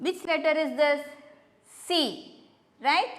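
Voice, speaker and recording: A kindergarten teacher with a Malayali English accent talks very slowly and patiently, spelling each word letter by letter and asking the children questions. Her voice sits high, and a long reverb trails behind it as if she were in a hall. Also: steady tone, a bit bright. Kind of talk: phonics lesson for young children.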